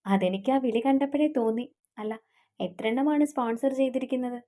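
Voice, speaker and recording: A woman's voice: fairly high pitch, fairly quick, dark tone, close to an everyday voice. A woman voicing a teasing, stubborn young woman who scolds her fiancé.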